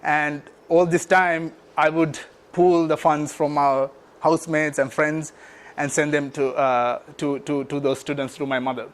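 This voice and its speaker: A man in his thirties from Sri Lanka with a Sri Lankan English accent, giving a talk about his nonprofit with many pauses and restarts. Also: fairly high pitch, level tone, clean tone. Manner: halting, many fillers and restarts. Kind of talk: speech to an audience.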